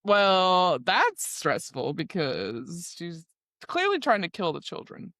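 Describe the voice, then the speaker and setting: A woman's voice: lowish voice, wildly swooping pitch, takes it slowly, a bit bright, no echo, studio quality. A woman co-hosting a podcast, chatting casually about a book; she rambles, laughs often and swears freely. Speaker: podcast co-host. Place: recording studio.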